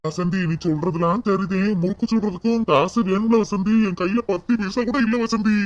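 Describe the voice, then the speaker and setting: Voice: mid-range voice, a little fast, no echo, dull audio, lightly acted. A performer voicing a remorseful, broke village husband in a cartoon, with a who whines and keeps repeating his wife's name. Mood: meek. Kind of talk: cartoon voice acting.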